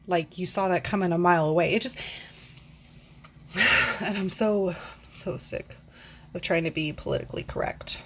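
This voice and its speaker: A woman's voice: lowish voice, slight background noise. Rambling, profane woman in her forties. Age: 40s. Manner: rambling, profane, frequent sighs and fillers. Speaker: book vlogger. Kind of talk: casual rant.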